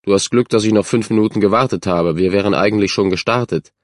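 A man voicing a brisk, friendly adult camp counselor. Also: on the low side, no echo, clean studio sound, lightly acted.

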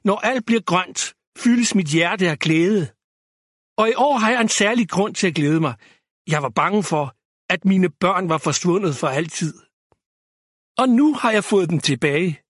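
A man voicing a dignified, caring elf queen in a storybook, speaking in a calm, measured way. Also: sits high, breathy edge, no echo, studio quality, full character voice.

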